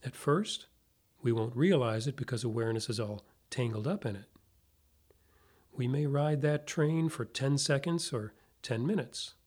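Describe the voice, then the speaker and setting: A man narrating a guided meditation like a sleep story narrator, giving gentle, unhurried instructions with long pauses. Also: medium pitch, breathy edge. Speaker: meditation teacher.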